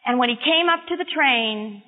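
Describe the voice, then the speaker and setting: Older female storyteller, animated and engaging with kids, tinny phone-like audio with a long reverb. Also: a little high, moderate pace. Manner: animated, expressive, asks listeners questions. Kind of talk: children's storytelling.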